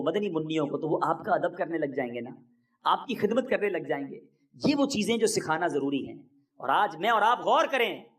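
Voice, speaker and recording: A man's voice: fairly high pitch, a bit bright. A man delivering an impassioned, emphatic sermon as a preacher, his voice rising sharply on key points.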